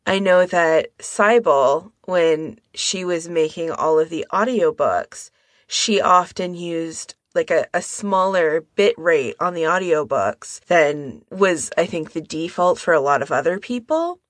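A woman co-hosts a podcast in casual discussion, speaking tentatively and carefully qualifying her points. Her voice is fairly low, her pace measured, and there's no echo.

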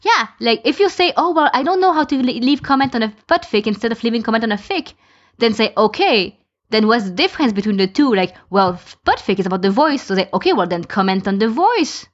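This fan podficker speaks a little fast in a fairly high, expressive voice, captured on a dull lo-fi recording. Chatting casually on a podcast, she offers opinions and explains each through a string of examples.

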